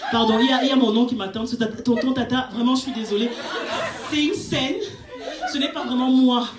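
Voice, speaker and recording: A woman performs stand-up comedy, telling a story in an animated way and jumping to shrill peaks. Her voice rings around a reverberant club. A steady wash of crowd noise sits behind her. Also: brisk. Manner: animated storytelling, shrieking at punchlines. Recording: echoey club with audience noise. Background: audience laughter.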